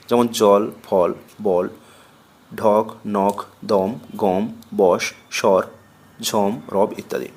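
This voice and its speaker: Man slowly dictating a grammar lesson. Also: medium pitch. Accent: Bengali. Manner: slow, deliberate dictation, repeating example words. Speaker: teacher. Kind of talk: grammar lesson read aloud.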